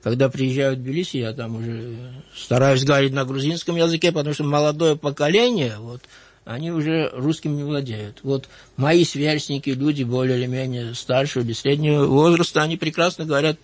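A writer in his sixties from Georgia, with a light Georgian accent, looks back on his life in an interview. He is measured and thoughtful, often using hesitant fillers, in a steady, mid-range voice with no room sound.

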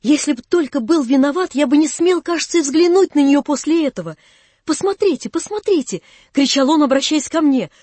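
A woman's voice: sits high, dry recording, pitched above the performer's own voice. A woman voicing an eager, flustered young nobleman. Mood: excited pleading. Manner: excited, pleading, rushed.

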